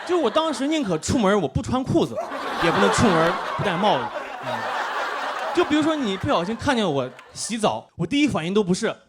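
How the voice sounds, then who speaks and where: A man's voice: sits high, big pitch swings, fairly quick, heavy background noise. Self-mocking young man doing stand-up. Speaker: stand-up comedian. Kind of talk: stand-up set on stage. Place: comedy stage with live audience.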